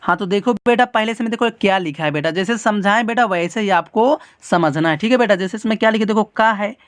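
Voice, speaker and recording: A teacher hosting a children's writing lesson, patient and repetitive, calling the viewer "beta" and dragging out letter sounds slowly. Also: mid-range voice, no echo, clean studio sound. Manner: drags out letter sounds slowly when demonstrating. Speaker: teacher and channel host.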